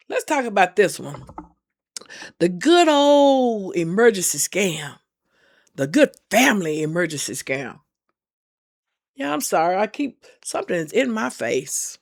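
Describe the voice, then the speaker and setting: A woman's voice: a little high, no room sound, studio quality. A middle-aged woman giving earnest, folksy advice to camera, repeating her warnings for emphasis. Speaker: senior safety channel host. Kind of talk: casual advice talk to camera.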